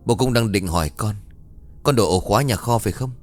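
Man doing a worried dad, low voice, soothing but firm, ghost story reading. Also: fairly quick, soft background music, lightly acted. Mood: scolding. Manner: soothing, then scolding. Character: worried middle-aged father, gentle and firm.

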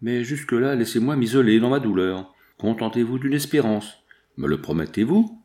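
A man reading the part of a grave young man, speaking low, broken and solemn. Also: animated, moderate pace, dark tone, lightly acted. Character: young man, grave, sorrowful, honor-bound.

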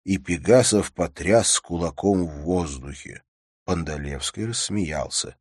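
A man narrating short asides in an audiobook in a quiet, low-set way. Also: unhurried, breathy edge, no echo, studio quality.

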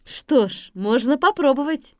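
A wise young maiden from a fairy tale who speaks in a calm, measured way. Her voice is high and unhurried, and it is recorded close and dry. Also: dry recording. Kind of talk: audiobook radio play.

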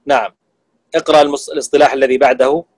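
A man teaching Quran recitation rules to students, explaining terms and slowly demonstrating how sounds are pronounced. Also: medium pitch, fairly even intonation, darkish tone, no echo, low-quality recording. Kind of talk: classroom lesson on tajweed.

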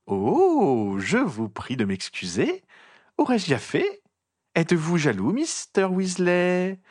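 A man putting on a shrill mocking gossip reporter. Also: wildly swooping pitch, a little mellow, no echo, studio quality, exaggerated voice. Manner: sing-song, drawn-out taunting. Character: mocking gossip journalist woman, shrill and sly. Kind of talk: audiobook reading.

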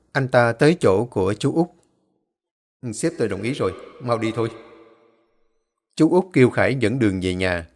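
A man narrating a ghost story and voicing each of the characters himself. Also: mid-range voice.

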